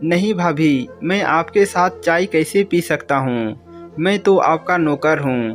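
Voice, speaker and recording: A humble young house servant, as a male narrator plays him, talks politely and with concern. His voice sits a little high, and he speaks at a slow, careful pace. Faint music sits underneath.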